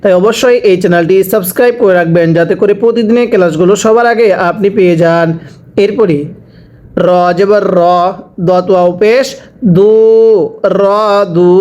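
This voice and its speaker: A male teacher leads a slow recitation lesson, naming each letter and its vowel mark before drilling the word again and again. His voice sits high and comes across smooth and clean. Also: darkish tone. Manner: spells letters and vowel marks, then repeats each word slowly for learners. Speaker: Quran reading teacher.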